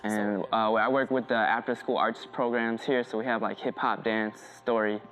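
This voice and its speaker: A man's voice: fairly low pitch, steady tone, moderate pace, fairly bright tone. A man from Thailand, a spoken word artist and teacher, talking earnestly and reflectively in a documentary interview, often restarting his sentences.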